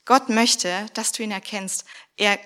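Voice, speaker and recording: A woman's voice: mid-range voice, a little slow, bright, forceful tone. A woman preaching a sermon in a church, earnest and speaking straight to the congregation. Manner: earnest, addresses the congregation directly.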